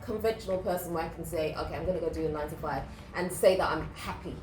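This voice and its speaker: A British woman in her thirties, a YouTuber, is a guest in a casual interview and talks candidly and fast in a low, darkish voice. She acts out what other people said. The room sounds roomy, with clear background noise and faint music.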